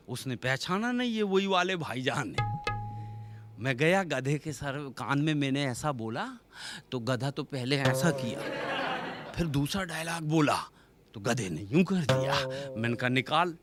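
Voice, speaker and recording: A man doing stand-up comedy, telling stories in a high, very lively voice that jumps around as he acts out the people in them. A faint hiss sits under the stage recording. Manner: animated, acts out characters in changed voices.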